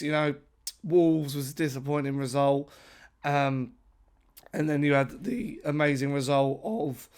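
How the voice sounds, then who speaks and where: A man with a somewhat high, croaky voice gives a casual football reaction to camera. He talks excitedly, doubling up his words for emphasis. The voice sounds hoarse and tired from travel. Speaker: football fan channel host. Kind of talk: casual match reaction vlog.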